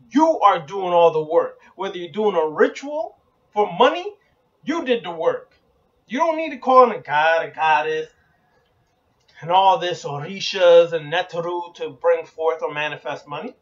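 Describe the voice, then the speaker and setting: High-voiced man preaching bluntly. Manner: blunt, emphatic, repeats slogans; occasionally profane. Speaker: occult channel host. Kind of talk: preaching monologue. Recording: dull lo-fi recording.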